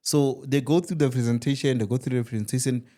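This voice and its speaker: A young South African man telling a comic story in casual chat, animated and quick to switch languages mid-sentence. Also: medium pitch. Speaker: podcast host.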